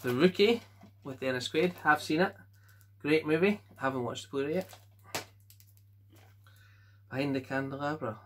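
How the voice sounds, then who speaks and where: Scottish male collector, tense bright tone, casual offhand delivery at home, faint hiss behind. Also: on the high side. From Scotland. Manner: offhand quick verdicts, chuckles to himself. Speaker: collector showing his film collection. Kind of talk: casual chat.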